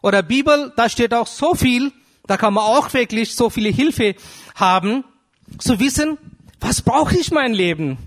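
A man preaching a sermon in German with earnest, halting delivery, searching for words and asking his listeners direct questions. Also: very high voice, lively intonation. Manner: asks the congregation direct questions.

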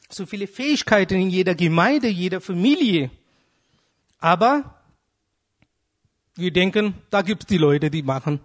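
A man preaching a sermon in German with earnest, halting delivery, searching for words and asking his listeners direct questions. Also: high voice. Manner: asks the congregation direct questions.

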